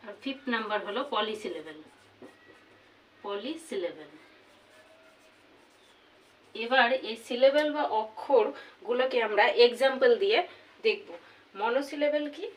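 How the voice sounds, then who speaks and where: A woman teaching a grammar lesson, slowly repeating each example word. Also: fairly high pitch. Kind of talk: classroom lesson. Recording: voice from far off the mic.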